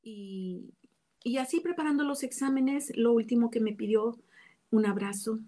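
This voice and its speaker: A woman's voice: on the high side, normal speed, dark tone. A woman from Mexico gives an earnest, reflective personal religious testimony, with small restarts. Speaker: testimony speaker.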